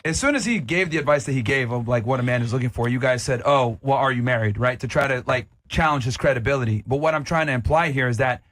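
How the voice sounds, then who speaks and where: A man's voice: mid-range voice, fast talker, few pauses, fairly bright tone. A man hosting a heated panel debate, speaking bluntly and assertively in a lecturing manner. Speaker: podcast panel host.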